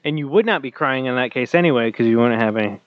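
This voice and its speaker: A man's voice: mid-range voice, animated, fast, clear, resonant tone, no echo. A man co-hosting a podcast, listening closely and chiming in with short replies. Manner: attentive listener, frequent short backchannels. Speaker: podcast co-host. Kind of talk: casual chat. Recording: dry, slightly dull audio.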